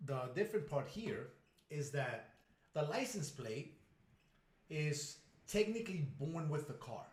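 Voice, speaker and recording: A man co-hosting a podcast in casual chat, telling stories with lively acted-out quotes. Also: on the high side, a little slow. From United States. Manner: animated storyteller, acts out quotes. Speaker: podcast co-host. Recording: roomy echo.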